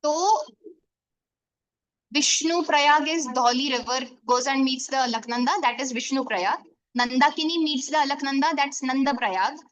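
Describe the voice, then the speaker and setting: A woman's voice: high voice, moderate pace, dry recording, dull audio. A woman with a North Indian accent teaching geography in an informal online lesson, mixing English and Hindi and often checking in as she explains. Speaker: geography teacher for exam coaching. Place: online class over screen share.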